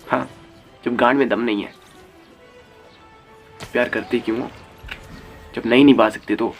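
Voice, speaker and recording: A man's voice: medium pitch, steady tone, measured pace, vocal fry, faint music behind. A young man giving a heated, crude commentary rant as a YouTube commentator, swearing freely. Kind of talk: ranting commentary.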